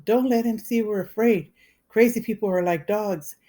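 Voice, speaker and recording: A jumpy young boy speaks in anxious bursts, raised in pitch and volume. A woman reading a storybook plays him. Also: normal speed, dark tone, natural voice.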